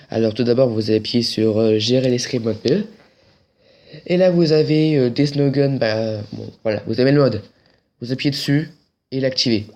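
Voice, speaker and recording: A man's voice: medium pitch, a little mellow. Hesitant man giving a casual tutorial. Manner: hesitant, full of pauses and restarts, with dry ironic asides. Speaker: tutorial creator. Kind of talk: casual screen-recorded game tutorial.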